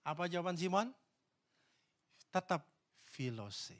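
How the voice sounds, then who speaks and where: A male pastor preaching a sermon in a church, swinging between loud, emphatic questions to the congregation and hushed, low asides. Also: sing-song, slow pace.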